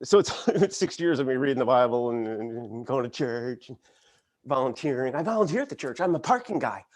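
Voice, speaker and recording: Male host, casual rambling monologue, very animated delivery with lots of laughter. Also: fairly quick. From Connecticut, US. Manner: animated, laughs often, jumps in pitch. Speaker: late-night show host. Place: home studio, live stream.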